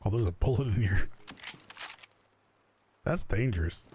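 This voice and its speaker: A man chatting casually as a fellow player in a survival game, explaining things in a relaxed way with filler words. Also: on the low side, unhurried, a little hiss or hum. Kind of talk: casual gaming chat.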